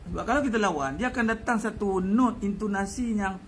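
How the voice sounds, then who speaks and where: A man's voice: high voice, fairly quick, a little hiss or hum. A man giving a casual religious talk, chatty, repeating his phrases and chuckling often. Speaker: religious teacher.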